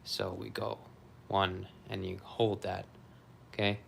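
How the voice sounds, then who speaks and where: A man casually talking through an exercise demonstration and counting out repetitions in a low-key, often murmured way. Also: little pitch movement, slow pace, vocal fry, fairly bright tone, a little hiss or hum. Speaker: vlogger recovering from surgery, demonstrating exercises.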